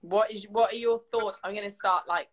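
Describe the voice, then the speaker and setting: A woman's voice: medium pitch, steady tone. A woman interviewer, reading fan questions in a chatty, upbeat manner on a live stream. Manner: chatty, upbeat, quick reactions.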